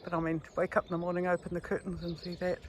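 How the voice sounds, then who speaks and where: This New Zealand vlogger's voice sits on the low side, and her delivery is completely flat, even as she chats casually and admiringly while walking. Slightly out of breath, she films on a handheld camera along a hilly rural road, with ambient noise in the background.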